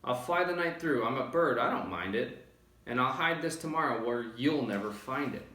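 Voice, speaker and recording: A man's voice: mid-range voice, expressive, moderate pace, pushed and bright. Man as a sneering villainous eagle, roomy. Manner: sneering, taunting. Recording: roomy, distant microphone.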